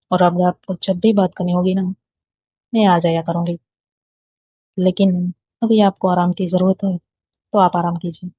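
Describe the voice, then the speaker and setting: A woman's voice: lowish voice, warm tone, husky, no room sound. A woman reading a love story aloud, voicing every character in her own plain voice. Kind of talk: narrated love story, reading all parts. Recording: dull lo-fi dry recording.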